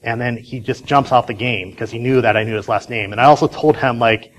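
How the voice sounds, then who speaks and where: A man with a mid-range voice speaks at a conference in a loose, casual way. He tells his story chattily, full of fillers and quick restarts. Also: mid-range voice, a little hiss or hum, poor audio.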